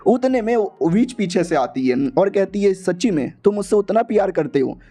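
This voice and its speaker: A young man retells a comic tale in a loose, slangy, playful way, jumping between characters as he goes. His voice sits high yet sounds mellow and soft-edged. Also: expressive, normal speed. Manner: playful, slangy, switches pitch for female characters. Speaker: manhua recap narrator. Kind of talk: casual storytelling recap, voicing all characters.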